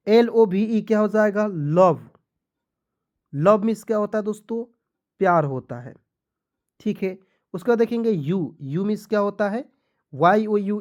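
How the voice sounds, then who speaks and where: A man's voice: high voice, a little mellow, muffled recording. A man giving a spoken lesson for beginners, asking questions and answering them himself while spelling words letter by letter. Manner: patient, repetitive explaining. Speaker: English teacher.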